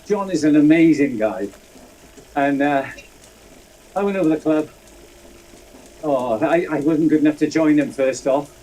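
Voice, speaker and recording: A man's voice: on the high side, measured pace, long pauses, warm tone, low-quality recording. A man, telling rambling, self-deprecating stories in a casual chat. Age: 60s. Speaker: guest. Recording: faint background noise.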